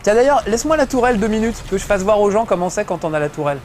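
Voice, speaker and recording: A middle-aged man chatting through a gameplay session, joking and swearing casually as he plays. His voice is fairly high and swings widely. A faint noise sits underneath. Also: expressive, very fast, a little mellow. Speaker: host playing a video game. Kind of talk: gameplay commentary.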